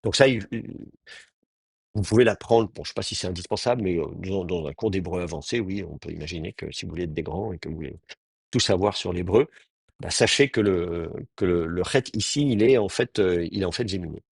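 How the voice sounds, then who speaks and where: A man's voice: deep voice, a little fast, gravelly, slightly rough, no echo, clean studio sound. A man teaching an advanced Hebrew class, explaining grammar step by step with many fillers and restarts.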